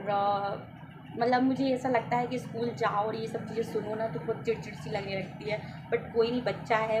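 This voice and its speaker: A woman vlogger chats easily through her day, loose and unhurried, with many little filler words. Her voice sits at an ordinary middle pitch. Street and vehicle noise runs clearly behind the recording. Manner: chatty, relaxed storytelling with frequent filler "ना". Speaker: family vlogger, housewife. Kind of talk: casual vlog narration.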